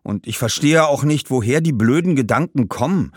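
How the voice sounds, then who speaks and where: A man performs an earnest young boy in a read-aloud storybook, pitching his voice above his own natural range as the boy asks questions with a thoughtful, serious air. The raised voice is medium in pitch, slightly rough, and swings in lively ways at a moderate pace. It sounds close and dry, with a dry recording.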